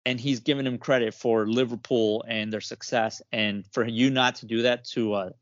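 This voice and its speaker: A man's voice: medium pitch, steady tone, moderate pace, dry recording, dull audio. A man in a casual football debate, talking in a rambling, heated way with lots of fillers.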